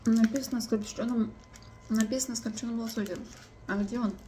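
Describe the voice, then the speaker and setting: Young woman, mouth full and chewing, casual food-review chatter; slightly high, mellow voice, faint hiss. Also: steady tone. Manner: quiet, unhurried commentary between bites. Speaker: mukbang vlogger.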